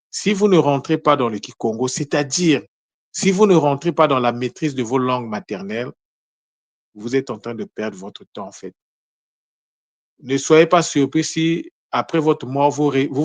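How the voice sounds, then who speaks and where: A man's voice: mid-range voice, no echo. A man giving an unprepared spiritual teaching talk, earnest, often repeating words and restarting his phrases.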